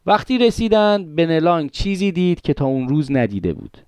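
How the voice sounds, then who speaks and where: A man's voice: on the high side, very animated, a little mellow, clean tone, no room sound. A man hosting a podcast, narrating a history story in a dramatic, conversational way, with asides to his listeners. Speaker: podcast host.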